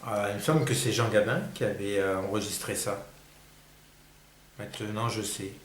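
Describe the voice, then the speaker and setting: A man's voice: lowish voice, steady tone, moderate pace, roomy sound, very noisy. A man hosting a casual solo music quiz, thinking aloud, muttering and sighing over the answers and then perking up. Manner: mutters and sighs while thinking, then perks up. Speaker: host of a record-collecting channel.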